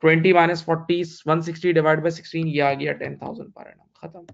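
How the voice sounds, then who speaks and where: A man's voice: fairly high pitch, fairly even intonation, quick pace, vocal fry, highs cut off, a little hiss or hum. A man in his thirties with an Indian English accent, teaching accounting in a recorded online lecture and repeating key points patiently to his students. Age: 30s. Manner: repeats key points, addresses students as beta, mixes English terms into Hindi.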